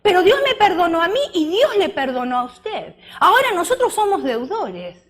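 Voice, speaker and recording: A woman's voice: very high-pitched, very animated, normal speed. A woman preaching a sermon. She keeps asking the congregation questions and acts out the parable as she tells it.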